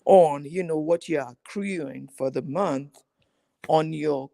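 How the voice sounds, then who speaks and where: A woman guest talks over a remote call in a lively, chatty way and laughs easily. Her voice comes through dry and close, with no room sound around it. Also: deep voice, slow, vocal fry, no room sound. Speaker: guest YouTuber. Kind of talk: casual live chat.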